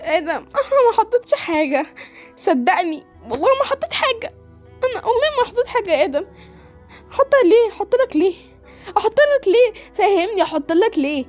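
A woman's voice: extremely high pitch, very animated, fast, faint music behind. A woman with an Egyptian accent voicing a young wife who pleads her innocence in an amateur voice drama, repeating herself urgently. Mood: pleading.

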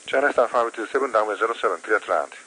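A man's voice: lowish voice, racing. A man with a Japanese accent working as an air traffic controller, giving clipped, formulaic instructions over aviation radio. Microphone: radio transmitter picked up on a receiver. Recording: radio transmission with light noise and clicks.

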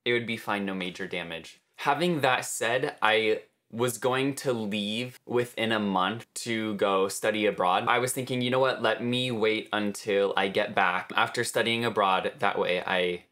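A man's voice: on the low side, a little slow, fairly bright tone. A young adult man chatting casually through a personal storytime vlog, quoting what others said as he goes. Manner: chatty, recounts others' words in quotes. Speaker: vlogger. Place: small bedroom, indoors.

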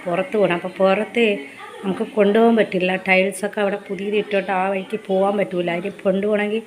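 A woman, narrating a casual home vlog about her pet dog in a hushed voice and switching to sing-song baby talk when she speaks to him. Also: medium pitch, fairly even intonation, fast. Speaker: pet vlogger. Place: at home, indoors.

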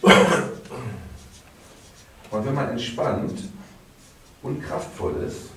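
A man's voice: medium pitch, drawn-out words, a bit bright. A man coaching a client live before a group, playful, provocative and theatrical in his delivery. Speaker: coach and therapist. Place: seminar room. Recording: echoey room, far mic, clear hiss.

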